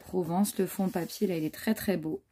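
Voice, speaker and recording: A woman's voice: fairly low pitch, fairly even intonation, normal speed, warm tone, a little hiss or hum. A woman vlogger chatting casually as she shows off a handmade scrapbook album, full of admiring asides and fillers. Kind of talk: casual show-and-tell chat.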